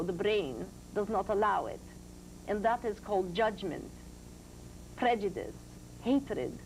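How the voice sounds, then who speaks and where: A man channeling a serene, grand spirit teacher as a seance medium in a trance, speaking formally and deliberately. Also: high-pitched, a little mellow. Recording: noisy old TV broadcast.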